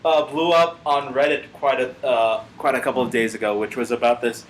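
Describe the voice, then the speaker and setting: A man's voice: medium pitch, fairly even intonation, fairly quick, echoey room, slight background noise, poor audio. A man co-hosting a casual gaming podcast, speculating aloud with frequent restarts and slips of the tongue. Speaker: podcast co-host.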